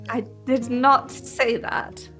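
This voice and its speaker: A woman's voice: fairly high pitch, level tone, slow pace, over music. A woman playing a tabletop game, speaking in a formal, lecturing manner in character.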